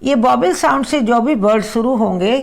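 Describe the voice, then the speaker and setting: A woman teaching an English grammar lesson, explaining in Hindi and reading English examples slowly and deliberately. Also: fairly high pitch, vocal fry.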